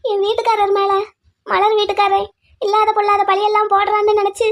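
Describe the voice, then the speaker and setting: Shrill squeaky cartoon aunt, wailing, pleading, flat sing-song pitch. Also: fairly quick. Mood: confessing. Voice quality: very high, thin and squeaky. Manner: wailing, begging. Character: distraught middle-aged aunt, wife of a villain. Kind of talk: cartoon voice acting.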